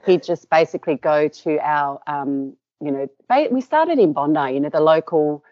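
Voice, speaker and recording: Middle-aged Australian woman, business founder, low voice, dry dull lo-fi sound, chatty with lots of "um". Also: animated, moderate pace, darkish tone, dry recording. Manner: rambling with many fillers and restarts. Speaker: company co-founder. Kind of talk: interview guest, storytelling.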